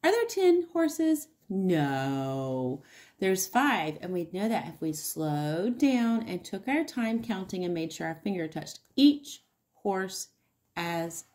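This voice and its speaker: A woman teaching a counting lesson to young children, encouraging and sing-song, asking questions and pausing for answers. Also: medium pitch, a little mellow. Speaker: early-years teacher hosting an online circle time.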